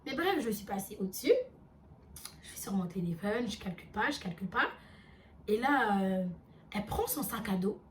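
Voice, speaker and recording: A young woman vlogger telling a storytime, animated and chatty with lots of fillers. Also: mid-range voice, normal speed, long pauses, recorded from a distance, a little hiss or hum. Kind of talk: storytime vlog.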